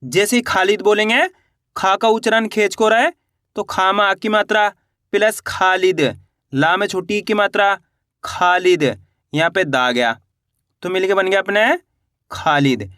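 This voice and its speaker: A man teaching beginners to read and spell, sounding words out slowly syllable by syllable and quizzing his viewers with encouragement. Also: high-pitched, sharp tone, no echo, clean studio sound. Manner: encouraging, addresses viewers as friends. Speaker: Hindi teacher.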